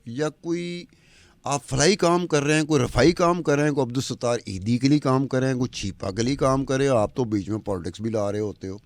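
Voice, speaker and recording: A man's voice: medium pitch, few pauses, dry recording. Man firing rhetorical questions. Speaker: podcast commentator. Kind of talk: argumentative podcast talk. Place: studio with a woman anchor.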